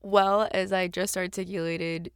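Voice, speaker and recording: A woman co-hosting a podcast in a playful, teasing way, laughing as she talks. Her voice sits a little low. She is recorded inside a walk-in closet, so the sound is close and completely dry. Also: level tone, a little slow, clean tone, dry recording. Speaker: podcast co-host. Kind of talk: casual podcast chat.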